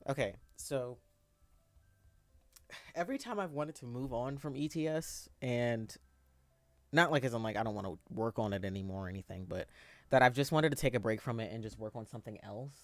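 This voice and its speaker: A boyish man in his twenties talks loosely on a live stream, answering viewers with halting, rambling speech and frequent fillers and restarts. His voice is mid-range, and the recording is dry.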